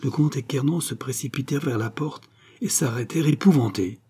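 A man narrating a historical novel in an audiobook reading, in a measured, dramatic way. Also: medium pitch, dark tone, husky.

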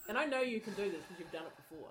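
A woman's voice: mid-range voice, lively intonation, very fast, roomy sound, crowd noise. A woman radio host in casual chat, setting up bits with playful, teasing prompts.

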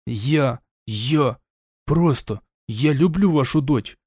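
A man's voice: mid-range voice, animated, slow pace, a little mellow, breathy edge, dry recording, clean studio sound. A man voicing a stubborn young knight in love, who talks sullenly and stammers when pressed.

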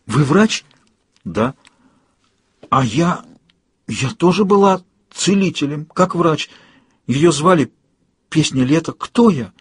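A man reading an audiobook, voicing a terrified young woman who wakes in a strange body and pleads in high, panicked cries. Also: animated, slow pace, pauses often, breathy edge, no echo, studio quality, full character voice. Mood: confused.

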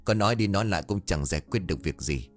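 A man's voice: sits low, expressive, fast, soft background music. A man voicing a stern, skeptical older village official who lectures and scolds in an audio horror story. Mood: weary.

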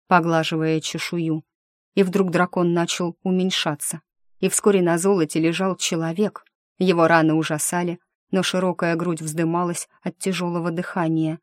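A woman narrating a first-person fantasy audiobook with an emotional, expressive reading. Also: lowish voice, dry recording, clean studio sound.

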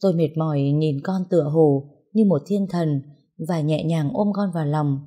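A woman narrating a first-person story in a calm, measured way. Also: deep voice.

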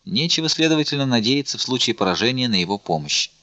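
A man narrating an audiobook in a steady, clear reading. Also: mid-range voice, fast talker, no room sound, highs cut off. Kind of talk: scripted narration.

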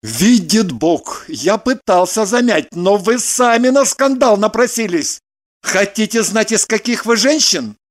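A man's voice: high-pitched, lively intonation, measured pace. A man reading the part of a prim, self-important businessman in an audiobook, stiff and indignant.

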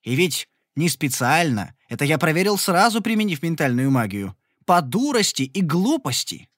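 A man narrating a first-person fantasy audiobook in an expressive, exasperated storytelling manner. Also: on the high side, moderate pace, dry recording, clean studio sound.

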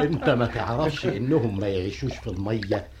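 A man's voice: fairly low pitch, lively intonation, fast talker, a crowd in the background, close to an everyday voice. A man voicing an old jinn servant in an Egyptian radio play, chuckling and deferential, with an Egyptian accent. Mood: indulgent. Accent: Egyptian Arabic. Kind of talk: 1960s Egyptian radio drama acting. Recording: noisy old radio recording.

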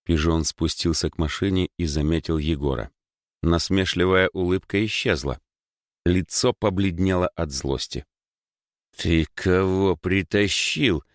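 A man with a very low voice reads a story aloud, even and measured. He sits close to the mic in a dry booth with no echo. The effect is a steady audiobook narration.

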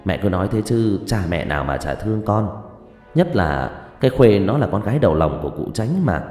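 A man's voice: on the low side, very animated, fairly quick, a little mellow, reverberant, big-room sound, faint music behind. A man voicing a humble young male farmhand who stammers and speaks deferentially. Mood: stubborn.

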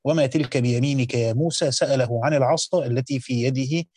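A man's voice: mid-range voice, quick pace, darkish tone, slightly rough, dry recording, clean studio sound. A man with an Egyptian accent reads a classical Quran commentary aloud and explains it, moving between careful formal reading and casual colloquial asides. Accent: Egyptian Arabic.

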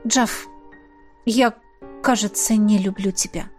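A woman's voice: sits high, animated, fairly quick, faint music behind, voice pushed up. A woman reading the part of a tired, exasperated young woman arguing with her jealous partner. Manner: pleading, tired, tense.

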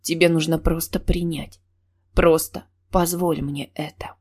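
A woman voicing an intense, brooding young man who speaks in a husky, coaxing low whisper. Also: steady tone, unhurried, a little mellow, exaggerated voice.

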